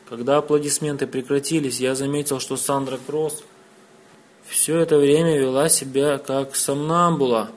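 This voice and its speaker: A man reading a novel aloud as an audiobook narrator, steady and measured. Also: mid-range voice, slight background noise.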